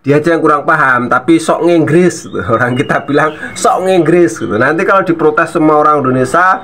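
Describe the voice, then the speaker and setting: A man's voice: a little high, fairly quick, a bit bright. A man hosting a reaction video, scolding and mocking in casual commentary with frequent laughs.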